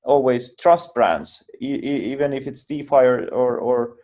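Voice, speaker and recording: Halting man explaining. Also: medium pitch, a little mellow. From Finland. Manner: halting, frequent word repeats and restarts. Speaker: guest, project founder. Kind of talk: explanatory interview answers.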